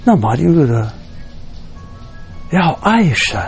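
A middle-aged man gives a sermon and slips English fillers into his speech. His voice sits a little above the usual for a man and climbs high when he acts out a story's emotions. His delivery is animated and storytelling. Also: slow, vocal fry, faint music behind. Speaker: preacher.

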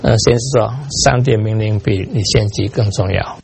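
Older male pastor with a gravelly voice. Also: on the low side, normal speed, noisy background. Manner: animated storytelling, mixing in English words, laughing at himself. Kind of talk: sermon with personal stories.

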